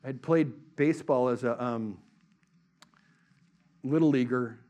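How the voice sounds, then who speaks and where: A middle-aged male pastor preaching a sermon in a lively, conversational way, mixing casual asides with fervent declarations. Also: medium pitch, takes it slowly, muffled recording. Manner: animated preaching, acts out voices in quotes.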